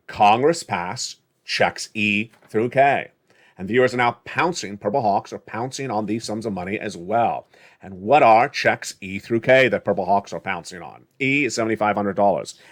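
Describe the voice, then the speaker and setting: Excitable man hyping a live stream. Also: medium pitch. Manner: excited, emphatic, swings between loud bursts and quiet asides; stretches key words slowly for emphasis. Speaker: channel host. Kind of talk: hyped live stream monologue.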